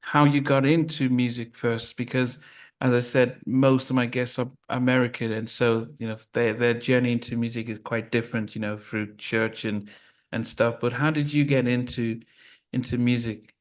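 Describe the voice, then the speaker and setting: Host: middle-aged man from Liverpool and Nigeria, mid-pitched, halting and hesitant. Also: flat delivery. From raised in Liverpool and Nigeria. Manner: halting, hesitant with many ums. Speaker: podcast host. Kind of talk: interview hosting.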